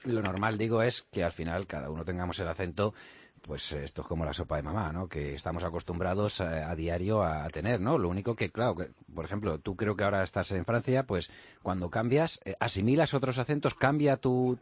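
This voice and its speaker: Deep male radio co-host, fast, husky, dry close sound, chatty rambling questions. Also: dry recording. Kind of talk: casual radio chat.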